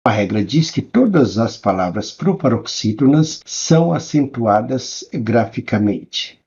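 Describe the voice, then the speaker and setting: Male teacher, scripted lesson voice-over, husky and unhurried. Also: medium pitch, warm tone, muffled recording. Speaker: Portuguese teacher.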